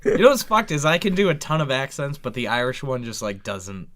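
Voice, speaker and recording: A man's voice: medium pitch, sing-song, fairly quick, a bit bright. A man in his thirties, co-hosting a casual podcast chat, swearing freely and joking around. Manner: profane, joking, riffing. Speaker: podcast co-host.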